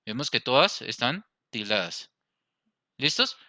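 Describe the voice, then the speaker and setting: A man with a Colombian accent teaches a Spanish grammar lesson over slides, explaining step by step and checking in with his class. His medium-pitched voice swings widely in pitch, unhurried, pushed and bright. There is no room sound.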